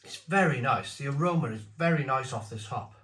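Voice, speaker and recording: A British man with a chesty cough gives a casual, halting review, often repeating phrases as he muses. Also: mid-range voice, lively intonation, fairly bright tone. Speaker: beer reviewer. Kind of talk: casual spoken review to camera. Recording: echoey room.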